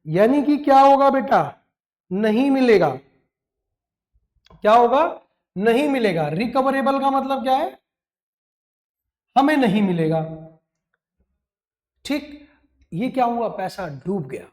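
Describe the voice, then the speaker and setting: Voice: medium pitch, lively intonation, a little slow, long pauses, a little mellow. An accounting teacher giving a classroom lecture, calling students "beta", mixing in English terms and drilling them with repeated questions.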